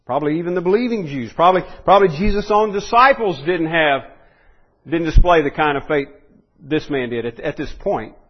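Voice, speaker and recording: A man's voice: a little high, fairly quick, dull audio. A man preaching a sermon in an earnest way, often restarting and rising in force when he stresses a point.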